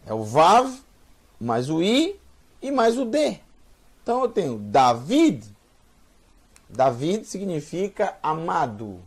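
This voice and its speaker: A man teaches beginners at an unhurried pace, repeating each word patiently. His voice sits a little high and slightly husky. His pitch swings widely as he stresses syllables. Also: very animated. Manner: patient, repeats words slowly for learners. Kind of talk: slow spoken language lesson.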